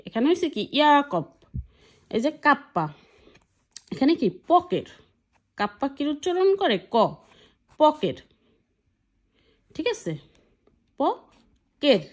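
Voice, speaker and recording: Female teacher, slightly high voice, patient step-by-step explainer, casual lesson delivery. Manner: patient, spells letters one by one and checks in often. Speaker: language teacher.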